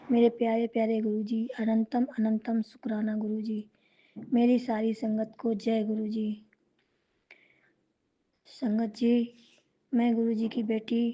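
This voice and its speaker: A woman gives a devotional testimony in a slow, reverent, even-toned voice that stays fairly high. Her tone is very dark and mellow. The recording sounds dull and lo-fi. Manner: slow and reverent, with chanted mantras.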